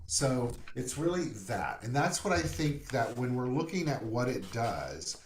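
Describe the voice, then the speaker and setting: A man speaking as a minister in a conversational sermon, playful and animated, acting out little asides. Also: medium pitch, a little slow, a little hiss or hum. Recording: roomy echo.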